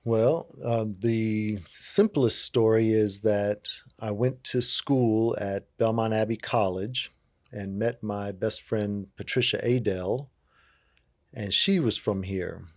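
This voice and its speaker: A man's voice: fairly low pitch, slow pace, no room sound. Candid man in his fifties, dry sound. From Virginia. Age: 50s. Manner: relaxed, candid, self-joking. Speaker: interview guest. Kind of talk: casual storytelling conversation.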